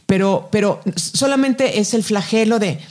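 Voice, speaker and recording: A woman's voice: medium pitch, measured pace, a little mellow. A middle-aged Mexican woman, a podcast guest, giving advice in an emphatic, colloquial way. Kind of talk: casual conversation.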